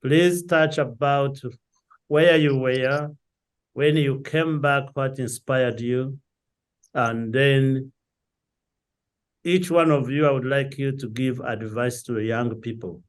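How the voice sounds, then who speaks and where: A man interviewing a filmmaker, asking his questions slowly and deliberately. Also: mid-range voice.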